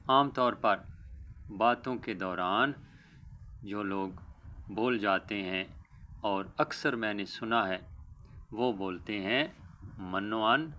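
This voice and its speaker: A man teaching a pronunciation lesson, speaking deliberately and stressing each corrected word. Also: lowish voice, sharp tone, a little hiss or hum. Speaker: Urdu teacher.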